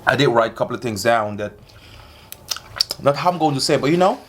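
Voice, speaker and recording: A man's voice: medium pitch, lively intonation, fairly quick, fairly bright tone, slight background noise. A man chatting casually to viewers as a mukbang host while eating crunchy fried chicken, slangy and repetitive, with satisfied hums. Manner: slangy, repeats phrases.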